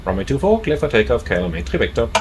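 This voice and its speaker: A man speaks into a pilot's cockpit headset, working through checklists and radio readbacks in clipped, exact aviation phrasing. His voice sits at an ordinary pitch but rises and falls a great deal. A faint hum runs underneath. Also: very animated, racing. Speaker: airline pilot flying a flight simulator. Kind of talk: cockpit checklists and radio calls, explained to viewers.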